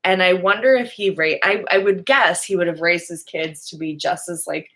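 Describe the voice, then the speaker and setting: A woman's voice: fairly low pitch, normal speed, fairly bright tone, low-quality recording. A woman co-hosting a podcast, chatting about music with enthusiasm and lots of "like"s. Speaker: podcast co-host. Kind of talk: casual conversation about music.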